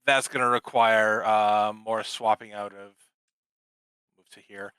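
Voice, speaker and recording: Low-voiced guy with a bright edge, hesitant gamer chatter, dry room. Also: little pitch movement, takes it slowly, smooth, no echo, rough recording. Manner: hesitant, trails off planning moves. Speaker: player. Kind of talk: casual tabletop play.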